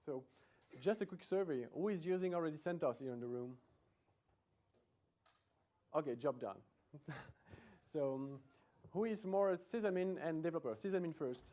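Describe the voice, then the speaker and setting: A middle-aged Belgian man with a Belgian accent gives a chatty, self-deprecating conference talk in a lecture room. His voice sits on the high side and sounds mellow, and he often restarts his sentences.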